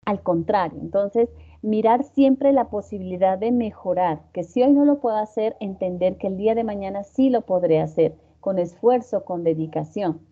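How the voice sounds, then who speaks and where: A woman's voice: medium pitch, expressive, moderate pace. A woman instructor giving an online class lecture, patiently checking in with her students. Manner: patient, checks in with frequent questions. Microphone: video call. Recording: dull lo-fi video call audio.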